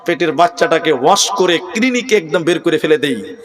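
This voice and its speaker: A man voicing a worried village husband plotting with his wife in a low, conspiratorial tone. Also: lively intonation, a little fast, fairly bright tone, in a large hall.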